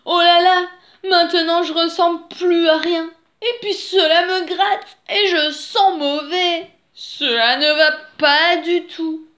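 A woman's voice: animated, slow pace, few pauses. A woman voicing a big, fussy male wolf who keeps exclaiming in exasperation. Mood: fed up. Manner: exasperated exclaiming, high and loud.

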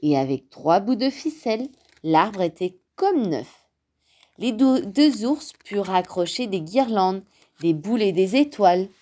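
Slow, expressive woman reading a storybook. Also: mid-range voice.

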